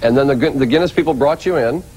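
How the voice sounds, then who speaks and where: A man's voice: medium pitch, quick pace, darkish tone, faint music behind, rough recording. A man with an American accent presenting and interviewing as a morning news show host.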